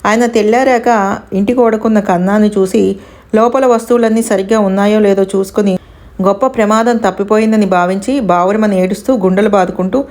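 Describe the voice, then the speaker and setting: A woman narrating a devotional story in a steady, expressive reading voice. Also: medium pitch, brisk.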